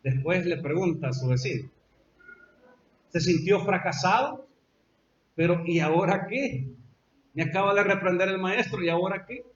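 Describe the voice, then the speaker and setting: A Salvadoran-accented pastor preaches in a high voice, telling the story emphatically and drawing out repeated phrases. The recording has a roomy echo and a dull, lo-fi sound. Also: male voice, normal speed, pauses often. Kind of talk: sermon. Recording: echoey dull lo-fi church recording.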